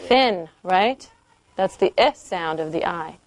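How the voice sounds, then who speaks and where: A woman's voice: lowish voice, slow pace. A woman teaching a small group of children to read in a classroom, patiently asking questions and checking they follow. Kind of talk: classroom phonics lesson.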